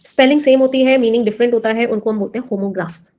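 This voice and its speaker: In a classroom lesson, a woman teaching English vocabulary for exam prep explains in Hindi with the terms and constantly quizzes her students. Her voice is on the high side, dark in tone and very fast.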